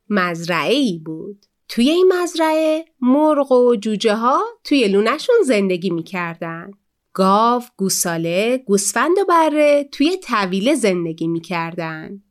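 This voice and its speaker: A woman with a high, light voice tells a children's tale in the slow, shaped rhythm of a storybook reader. She leans into the animals' lines with lively voices.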